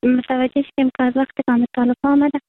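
High-voiced young Afghan woman on phone line. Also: level tone, music in the background. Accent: Afghan Dari. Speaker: listener leaving a message. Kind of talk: unscripted personal appeal. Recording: narrow, tinny phone line.

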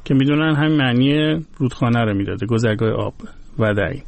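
A man's voice: medium pitch, gravelly, no echo. A man talking on a radio program, patiently explaining word origins one by one. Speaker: guest expert on languages.

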